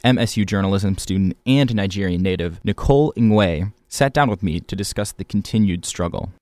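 Young man, radio host, lowish voice, dry studio sound, earnest measured questions. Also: darkish tone, no room sound. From Michigan. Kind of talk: campus radio interview.

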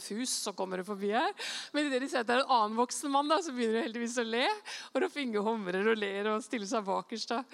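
A woman preacher giving a sermon, telling an anecdote and reading scripture aloud in a lively storytelling manner, acting out quoted voices. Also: fairly high pitch, long reverb tail.

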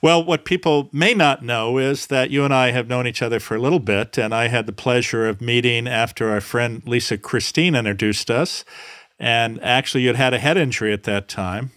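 A man's voice: medium pitch, moderate pace, dry recording, clean studio sound. A man hosting a podcast, introducing and questioning his guest with many fillers. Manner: warm, gently hesitant, with many uh fillers. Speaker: podcast host. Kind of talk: podcast interview.

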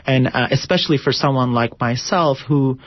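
A man's voice: medium pitch, moderate pace, no echo. A man from Turkey, a theater director, answering interview questions in a thoughtful, reflective way with many fillers. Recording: dull lo-fi radio broadcast.

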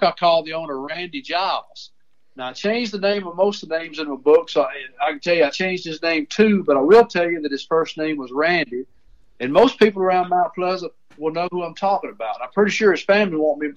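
Older storyteller, slightly high voice, calling in on a speakerphone with muffled sound. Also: male voice. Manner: rambling, restarts often. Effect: heard over a phone speaker. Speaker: author and storyteller. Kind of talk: folksy storytelling.

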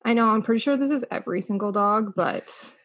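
A woman's voice: mid-range voice, brisk, a bit bright. A woman co-hosting a podcast on a radio station, chatting playfully and laughing easily. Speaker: podcast co-host. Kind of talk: casual chat. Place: radio studio.

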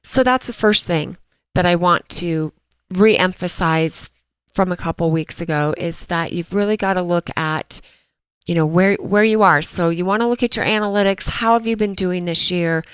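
A woman's voice: lowish voice, normal speed, clear, resonant tone, dry recording, low-quality recording. A woman hosting a dental marketing podcast in a chatty way, a little stuffy from allergies, with frequent fillers and restarts. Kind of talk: casual podcast talk.

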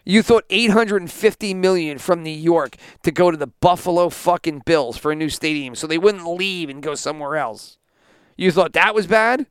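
A man's voice: on the high side, moderate pace, clear, resonant tone, dry recording, studio quality. A man hosting a sports podcast, ranting indignantly and sarcastically, with plenty of swearing. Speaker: podcast host.

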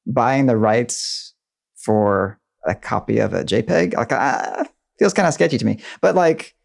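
A man's voice: medium pitch, expressive, unhurried, vocal fry. A man chatting on a podcast, sharing thoughtful, slightly hesitant opinions. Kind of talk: casual chat.

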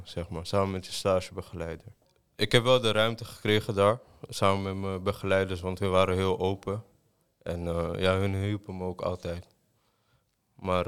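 A young male student with a very low, monotone voice talks hesitantly about his internship, stopping often on fillers. His tone is smooth and clear. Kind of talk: casual chat.

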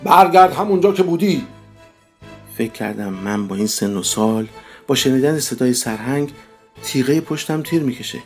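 A man's voice: medium pitch, fairly even intonation, darkish tone. A man narrating a first-person story in a wry, conversational way. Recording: faint background music.

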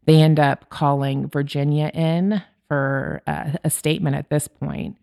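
Low, gravelly woman telling a crime case. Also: little pitch movement, measured pace, darkish tone. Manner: chatty, retelling a case from notes. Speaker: podcast host. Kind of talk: true crime podcast narration.

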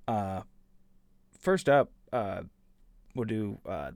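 A man hosting a casual solo podcast in a gravelly voice that sits on the low side. He talks bluntly and trash-talks his listeners, with plenty of ums and uhs. The sound is dry and close, with no room echo. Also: expressive, very slow, a little mellow. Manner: blunt, trash-talking, with many fillers. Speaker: podcast host.

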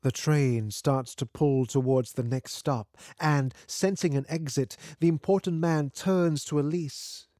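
A man's voice: a little high, fairly even intonation, a little slow, hardly any pauses, warm tone, dry recording, studio quality. A man narrating a literary story from a script.

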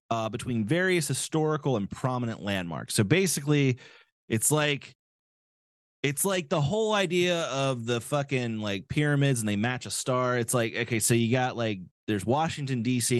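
A man's voice: mid-range voice, no room sound, studio quality. Sarcastic, swearing male podcast host. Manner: profane, sarcastic ranting. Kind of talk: casual comedic commentary.

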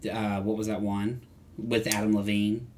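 A man's voice: lowish voice, level tone, normal speed, a crowd in the background. A man co-hosting a casual podcast chat about pop music, rambling with lots of fillers and restarts. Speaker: podcast co-host.

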